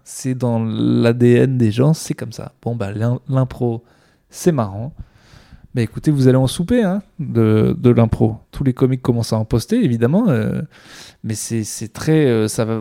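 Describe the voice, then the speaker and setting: A mellow, medium-pitched male voice belongs to a stand-up comedian going it alone on his podcast. His casual monologue wanders, laced with sarcasm and frequent fillers.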